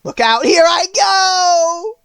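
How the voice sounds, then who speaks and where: A woman voicing a wicked old witch in a storybook, with a shrill, wailing, theatrical delivery. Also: lively intonation, a bit bright, no echo, clean studio sound. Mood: wailing despair. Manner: gloating, theatrical, drawn-out cries. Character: wicked old witch, cackling, greedy, shrieking in despair.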